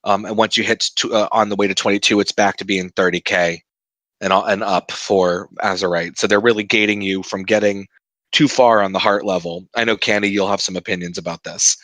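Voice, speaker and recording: A man's voice: on the low side, steady tone, a bit bright, no echo. A man hosting a casual gaming podcast, upbeat and teasing, leading the panel through news. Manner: upbeat, teasing, quick asides. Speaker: podcast host.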